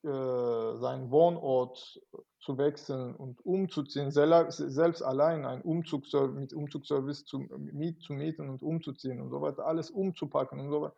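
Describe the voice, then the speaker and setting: A man from Turkey, a guest in an interview, talking haltingly and often restarting as he searches for words. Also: medium pitch, steady tone, creaky, dark tone. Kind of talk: conversational interview. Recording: dull lo-fi sound.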